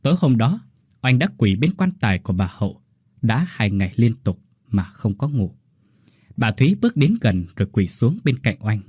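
A man narrating a ghost story in a steady, expressive storytelling voice. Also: medium pitch, normal speed, slightly rough, dry recording, clean studio sound.

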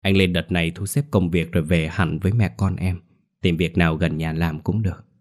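A grieving young husband from a spoken horror story, earnest and subdued, as a male narrator plays him in a very low, deep voice. Plain and sincere. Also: steady tone, fairly quick, close to an everyday voice.

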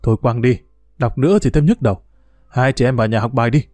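A man's voice: medium pitch, fast, darkish tone, no room sound, clean studio sound, natural voice. A man voicing a cranky, stubborn, forgetful old grandfather who grumbles and complains. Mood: irritated. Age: older.

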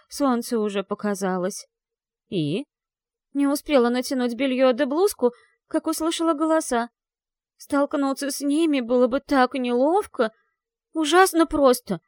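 A woman voicing a flustered young werewolf girl whose voice gurgles with tears and swings high and whiny. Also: no echo, clean studio sound. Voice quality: tearful, gurgling voice. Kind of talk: audiobook character voice.

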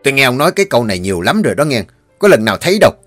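A man doing a loud, menacing thug. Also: mid-range voice, sing-song, dry recording, studio quality, soft background music, natural voice. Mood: threatening. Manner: threatening, fast and loud. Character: brawny tattooed young debt collector, menacing.

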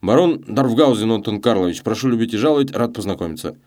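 A man's voice: on the low side, lively intonation, fast talker, a little mellow, voice pushed up, natural voice. A man voicing a boastful ruined gambler baron who rattles on pompously.

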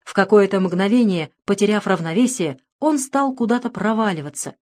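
A woman reading a novel aloud in steady scripted narration. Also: mid-range voice, moderate pace. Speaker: audiobook narrator.

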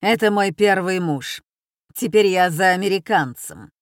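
A woman voicing a loud, overfamiliar foreign poetess in an audiobook. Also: on the low side, expressive, measured pace, no echo, studio quality. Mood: boisterous. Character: brash loud American woman poet. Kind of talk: audiobook character voice.

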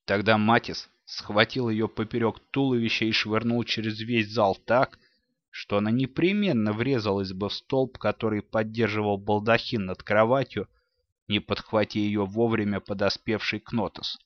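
A man narrating a storybook with expressive storytelling in a dull, dry recording. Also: on the low side, moderate pace, no room sound. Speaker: audiobook narrator. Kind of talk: scripted narration.

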